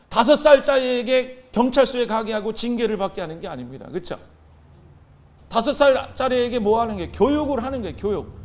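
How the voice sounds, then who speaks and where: A man in his thirties preaching a sermon as pastor, animated, calling out to his congregation and waiting for replies. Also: sits high. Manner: animated, call-and-response with the congregation.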